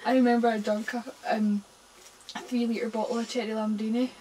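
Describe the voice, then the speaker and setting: A woman's voice: fairly high pitch, little pitch movement, fairly quick. A giggly, teasing woman chatting casually with friends on a noisy amateur home video. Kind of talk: casual chat during a burping contest.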